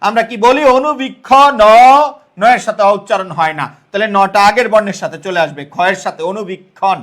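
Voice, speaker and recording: A Bangladeshi man with a notably high, somewhat bright voice leads an online exam-prep lesson at a fairly quick pace. He explains step by step, sounds out each word syllable by syllable, repeats his questions and keeps checking that students understand.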